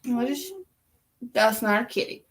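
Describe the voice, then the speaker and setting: A woman, a young mother, chatting casually in a bedroom with a slow, teasing, folksy way of talking. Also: on the high side, animated, a little hiss or hum. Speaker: mother of the toddler. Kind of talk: casual chat.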